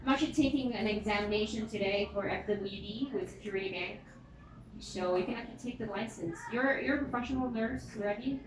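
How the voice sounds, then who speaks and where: A woman's voice: medium pitch, fairly quick. A woman in her thirties with a Filipino accent, interviewing someone in a casual, chatty and directive way. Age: 30s. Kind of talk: casual job interview chat. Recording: echoey noisy room.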